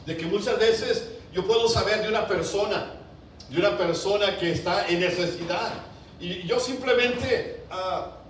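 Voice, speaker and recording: A man preaching a sermon to his congregation, fervent, with loud emphatic peaks, quiet drops and many rhetorical questions. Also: sits high. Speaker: pastor. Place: large church sanctuary. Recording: very echoey church, voice from a distance, faint room hiss.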